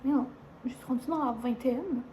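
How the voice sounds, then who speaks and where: A woman's voice: high voice, moderate pace, dark tone, a little hiss or hum. A woman in her twenties with a Quebec French accent, chatting to camera in a rambling way, full of fillers. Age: 20s. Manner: chatty, rambling, frequent "euh" and "genre" fillers. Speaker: vlogger, university student. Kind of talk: casual chat to camera.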